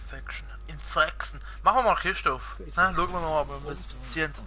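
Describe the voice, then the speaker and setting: Speaking a little fast in a bright, pushed voice on the high side, the young streamer rambles through casual live chat with many fillers as he games. He has a Swiss German accent, with Swiss German and Italian as his first languages.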